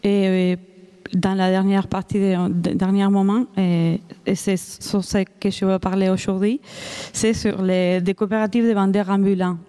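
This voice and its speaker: Speaking French as a second language with an Argentine Spanish accent, a female researcher from Argentina presents at a conference, hesitating with frequent restarts and fillers. Her mid-range voice is warm and clean, with a level tone and moderate pace.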